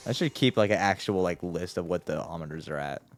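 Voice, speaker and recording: A man's voice: low-pitched, brisk, soft background music. A man joking sarcastically while watching his brother play a game, swearing and laughing often. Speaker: let's play co-host, brother. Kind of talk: casual gaming chat.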